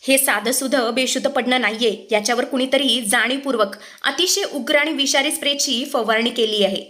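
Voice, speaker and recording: A woman's voice: high voice, moderate pace, fairly bright tone. A woman voicing a doctor who gives a grave, urgent verdict.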